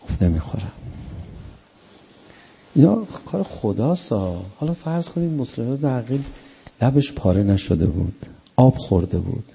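A man's voice: mid-range voice, expressive, gravelly, dark tone, a little hiss or hum. A male preacher delivering a mourning sermon, telling the story with emotion and acting out the quotes.

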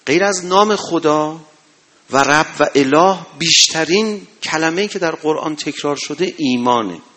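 An impassioned male preacher. He exhorts loudly, then drops to a hushed storytelling tone, in the rhythm of a religious sermon. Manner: impassioned, rising to loud exhortations then dropping low.

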